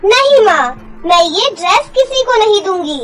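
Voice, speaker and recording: A woman's voice: very high voice, lively intonation, normal speed, over loud music, voice pushed up. A woman voicing a sweet, mistreated young girl in a cartoon story, pleading in a tearful voice. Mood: firm pleading.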